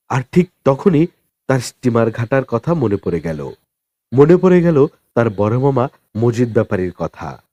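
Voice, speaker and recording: A man narrates a novel for an audiobook, telling the story in a dramatic, expressive style with deliberate pauses. His voice is medium-pitched and the recording is dry.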